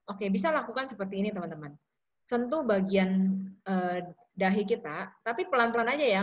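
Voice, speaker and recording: A woman's voice: medium pitch, lo-fi sound. A woman speaking at an online support session, chatting casually between stories and guiding simple relaxation exercises. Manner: chatty, warm asides, frequent fillers. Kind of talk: casual talk with guided exercises.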